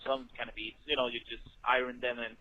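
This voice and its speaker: A man's voice: mid-range voice, flat delivery, quick pace, no echo, narrow, tinny audio. A tired man leaving a casual voice message from a moving car, played back through a speaker, swearing freely. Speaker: listener calling in with a voice message.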